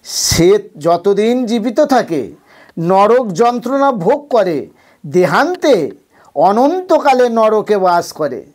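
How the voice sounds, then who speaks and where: Man, high voice, slow deliberate delivery, devotional sermon, admonishing tone. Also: very animated, a little mellow. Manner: impassioned, admonishing, chants Sanskrit verses slowly. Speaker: religious preacher.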